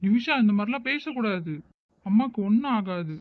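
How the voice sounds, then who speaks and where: A man's voice: sits high, animated, a little fast. A man playing a caring older brother who soothes and reassures his crying sister, in an amateur short drama. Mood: soothing. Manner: soothing, reassuring, gently coaxing. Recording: dry, tinny phone-like recording.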